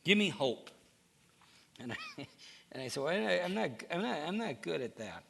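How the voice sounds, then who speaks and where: A man's voice: fairly high pitch, big pitch swings, normal speed, creaky, fairly bright tone, a little hiss or hum. A middle-aged male pastor preaching in a conversational way, telling stories and acting out quoted dialogue, with frequent restarts. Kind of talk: conversational sermon.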